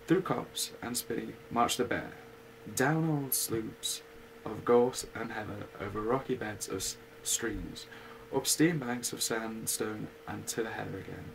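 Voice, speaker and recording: Gravelly man reading a bedtime story. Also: on the low side, background noise. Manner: unhurried, with casual asides. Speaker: reader.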